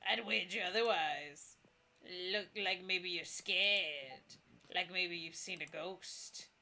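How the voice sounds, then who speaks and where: A woman voicing a boastful, folksy old male ghost in a video game, with a creaky old voice. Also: fairly low pitch, pushed and bright, full character voice. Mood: teasing. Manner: folksy, drawn-out old-timey phrasing. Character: boastful ancient male plague ghost in a top hat.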